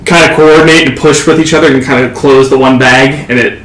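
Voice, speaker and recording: A man narrates a tabletop game as game master, halting now and then and filling gaps with ums. His voice sits at a middling pitch. The room is echoey, with faint noise behind. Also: steady tone, fairly bright tone. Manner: halting, many fillers.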